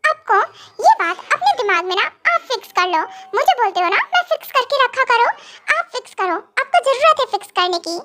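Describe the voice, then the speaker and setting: A woman's voice: very high voice, big pitch swings, brisk, bright, forceful tone, exaggerated voice. A woman voicing a clingy, tearful young wife who pouts and speaks of herself in the third person, in a fan audio drama. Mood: scolding.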